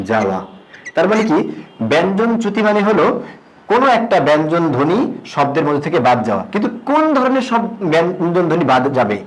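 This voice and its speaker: A man teaching a recorded grammar lesson, asking questions and answering them himself, dropping low and slow on key terms. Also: low-quality recording. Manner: drops pitch and slows on key terms.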